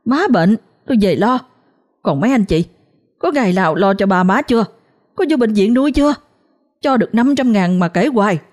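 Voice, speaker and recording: A woman voicing a grief-stricken young woman who sobs and shouts back in defiance, with a Southern Vietnamese accent. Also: mid-range voice, lively intonation, moderate pace, hardly any pauses, pitched above the performer's own voice, lightly acted. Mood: defiant, tearful. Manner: sobbing, pleading then defiant.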